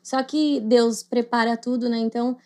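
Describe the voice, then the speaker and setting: A woman's voice: on the high side, steady tone, moderate pace, a little mellow. A young woman with a Brazilian Portuguese accent, co-hosting a podcast and telling a personal story in casual chat, acting out the voices she quotes. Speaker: podcast co-host.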